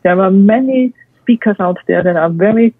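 A woman's voice: mid-range voice, moderate pace, slightly rough, no room sound, soft background music. A woman with a non-native English accent gives structured expert advice, emphatically listing and repeating her points. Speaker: guest expert and speaker. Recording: tinny phone-like line, dry.

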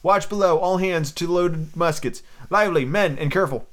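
Man playing Captain Smollett, stern, high-pitched commander. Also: moderate pace, natural voice. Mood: commanding. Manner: clipped, authoritative, haughty. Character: stern, scornful male ship's captain, commanding and formal.

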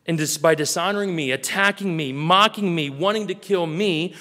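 Guy preaching a sermon, earnest, drops quiet to act out little scenes, echoey church hall. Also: high voice, normal speed. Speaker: pastor.

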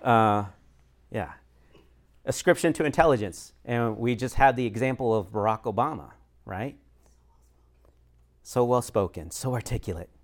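A man's voice: medium pitch, normal speed, pauses often. A man who works as a chaplain and pastor, leading a church discussion in a conversational way, with frequent fillers and light laughs. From United States.

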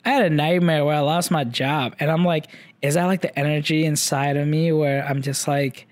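A man's voice: a little high, steady tone, normal speed, no echo. A young man with a slight Chinese-English accent giving a casual, rambling audio update, full of fillers and casual swearing. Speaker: vlogger.

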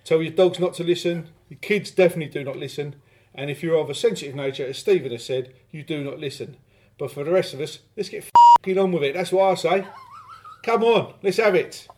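A man's voice: fairly high pitch, a little fast, a little mellow, a little hiss or hum. A man co-hosting a podcast in blunt, jokey, casual banter. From London, England. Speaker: podcast co-host.

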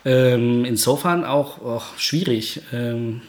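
A man from Guatemala who is a guest researcher in a podcast interview, speaking at a measured pace with frequent hesitations. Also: medium pitch.

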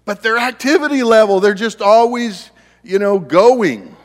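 A man in his fifties, serving as pastor, delivers a sermon in a church sanctuary with a high-pitched, animated, unhurried voice. His style is conversational, sprinkled with chatty asides to the congregation, and the room leaves a long reverb tail.

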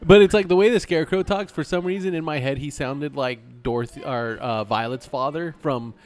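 A man's voice: fairly high pitch, a little fast, a little mellow. A man co-hosting a casual movie chat, rambling as he circles around his point.

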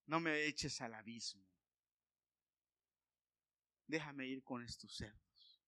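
A man voicing a male demon who begs for mercy, speaking low and slow in a pleading tone. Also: bright, forceful tone, no room sound, studio quality.

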